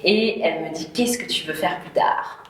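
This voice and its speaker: A woman's voice: on the low side, normal speed, recorded from a distance, background noise. Woman from paris, casual interview chat, laughs a lot, lots of um, roomy echo. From Paris, France. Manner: chatty, laughs often, many fillers. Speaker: entrepreneur guest.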